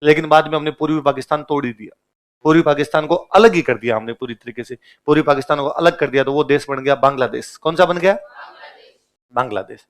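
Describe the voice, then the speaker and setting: Man teaching with constant quiz questions. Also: on the high side. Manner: asks the class quick questions and answers them himself; casual, colloquial storytelling. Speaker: history teacher. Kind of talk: classroom lecture in Hindi.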